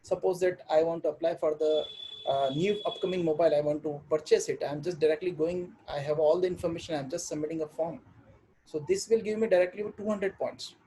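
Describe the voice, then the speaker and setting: A man with an Indian accent explaining a lesson in a halting, repetitive way as a software trainer. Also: fairly high pitch, fairly even intonation, breathy edge, low-quality recording.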